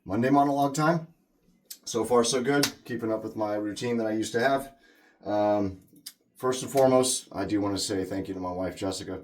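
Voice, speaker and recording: Man, very deep low voice, casual shaving vlog host, rambling chatty monologue. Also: a little fast, a little mellow, a little hiss or hum. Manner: chatty, rambling, loose asides. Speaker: wet shaving channel host.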